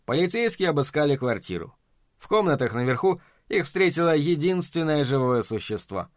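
Casting: male audiobook narrator, fairly high voice, bone-dry close recording. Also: sing-song, moderate pace, no room sound. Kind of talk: scripted narration.

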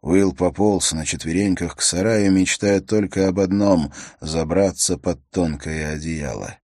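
A man reading an adventure novel aloud as an audiobook narrator, in a measured, steady storytelling manner. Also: low-pitched, dry recording, clean studio sound.

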